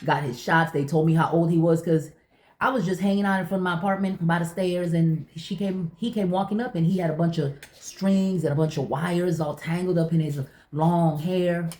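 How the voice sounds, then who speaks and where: A woman's voice: fairly low pitch, fairly even intonation, moderate pace, darkish tone. Chatty woman in an echoey room. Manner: chatty, emphatic, repeats phrases for emphasis. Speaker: vlogger. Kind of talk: casual chit-chat storytelling.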